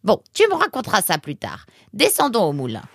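Woman putting on a fussy little animal lady, squeaky and loud, pitch flying all over, breathy. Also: brisk, no room sound, exaggerated voice. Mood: fretful. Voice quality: exclamatory, high and excited. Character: fussy excitable female animal, mill keeper. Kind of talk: storybook character voice.

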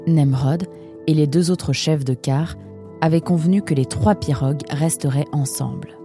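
A woman reading a children's novel aloud in a measured, even storytelling manner. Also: sits low, soft background music. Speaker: narrator. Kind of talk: audiobook narration.

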